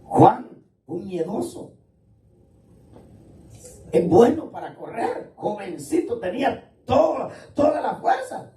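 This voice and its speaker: A man's voice: extremely high pitch, sing-song, slow, long pauses, mellow, reverberant, recorded from a distance, slight background noise, rough recording. A man preaching a sermon to his congregation in a casual, talkative way, calling listeners "brother". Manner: colloquial preaching, addresses listeners as "hermano". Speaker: pastor. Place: church.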